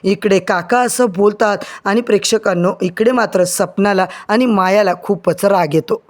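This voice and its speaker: A man narrating a recap of a family TV serial, speaking straight to his viewers in a lively storytelling way. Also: high-pitched, moderate pace. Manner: lively, addresses viewers directly.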